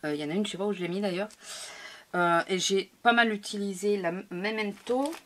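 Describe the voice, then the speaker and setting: A woman's voice: medium pitch, fast, a little hiss or hum. A woman casually showing her scrapbook album to viewers, chatty and hesitant, with many fillers and restarts. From France. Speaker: scrapbooking vlogger. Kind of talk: casual show-and-tell of a craft album.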